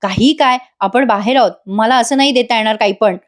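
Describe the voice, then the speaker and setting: A woman's voice: fairly high pitch, brisk, natural voice. A woman voicing a young wife who chides her forgetful husband in a bashful, scolding manner. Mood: chiding.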